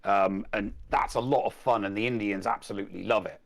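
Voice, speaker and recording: A man with a low, gravelly voice chats casually as a guest. He rambles and restarts words as he hunts for what to say. The sound is close and dry. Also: fairly even intonation, brisk, dry recording. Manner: rambling, repeats words while searching for them. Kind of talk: casual chat.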